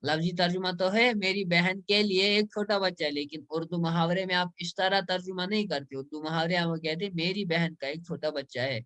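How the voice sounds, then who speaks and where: A man teaching Arabic grammar in an online class. He explains step by step, says example words slowly, and often checks with "right?". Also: sits high, fairly even intonation, fairly bright tone.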